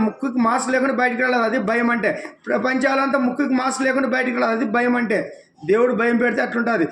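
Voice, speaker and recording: A man delivers a heated political rant, and his voice sits very high. He talks extremely fast and keeps scolding his target with rhetorical questions. The recording has a roomy echo. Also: fairly bright tone. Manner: scolding, rhetorical questions, addresses listener as nuvvu. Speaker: devotional channel speaker.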